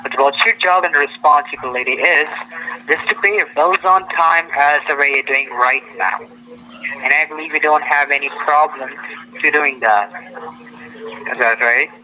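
A man working as a telemarketer, reciting a scripted sales pitch full of stock phrases. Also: moderate pace, bright, forceful tone. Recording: noisy telephone line.

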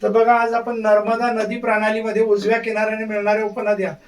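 A man's voice: high voice, monotone, fast talker, far from the mic. A man teaching an exam-prep lesson, repeating key points and drilling memory tricks.

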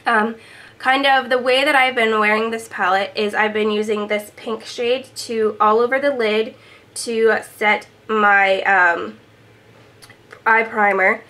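Speaking slowly with fairly even intonation, a young beauty vlogger gives a casual product update to camera in a small room at home. Her fairly high voice has a bright, forceful tone, and she's chatty and upbeat with many ums, a bit congested from a cold.

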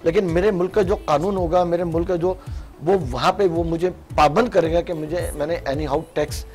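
A man talking as a guest on a morning show, arguing his point in a measured way in a casual studio discussion. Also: fairly high pitch, steady tone, darkish tone, faint music behind.

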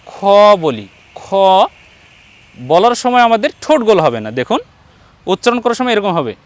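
A man with a high, smooth voice leads a patient pronunciation lesson. He models each letter slowly and encourages his student after every attempt. The sound is dry and close, with no room echo. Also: big pitch swings. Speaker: Quran recitation teacher.

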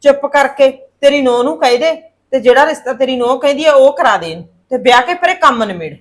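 A woman plays a fretful middle-aged mother in a short film drama, pressing her point again and again. Her voice is high, and her talk stays anxious and insistent. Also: animated, fast talker. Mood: worried. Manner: worried, insistent. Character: anxious mother worried about her son's marriage.

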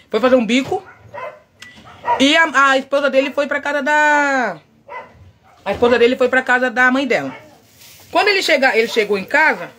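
A middle-aged Brazilian woman chatting loudly and outspokenly with her viewers, telling a story while she works. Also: a little high, slight background noise. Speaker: vlogger. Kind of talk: casual chat while painting a wig.

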